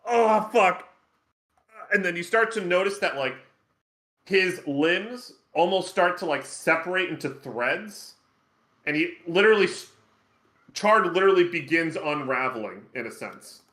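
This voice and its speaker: A man's voice: fairly high pitch, expressive, normal speed, sharp tone. A young man acting as game master, casually narrating a tabletop game with many fillers and restarts. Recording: echoey room.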